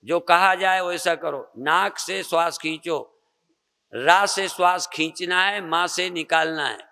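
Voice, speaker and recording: An older Indian man, a spiritual teacher, slowly guiding a group through meditation and breathing with soft repeated coaching. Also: fairly high pitch, clean tone. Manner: slow, repetitive soft coaching with pauses. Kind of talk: guided meditation and breathing instruction. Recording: long reverb of a hall.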